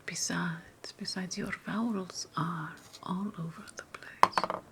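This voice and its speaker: Slow and steady, a woman with a lowish voice whispers as an ancient Roman noblewoman in an ASMR roleplay. The character is haughty and playful, probing as she teases, relishes each word and repeats phrases often.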